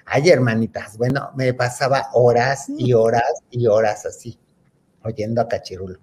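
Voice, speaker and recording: A man hosting, telling a childhood story in a campy, animated way and acting out the quotes. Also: medium pitch, normal speed, breathy edge. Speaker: host. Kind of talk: casual storytelling.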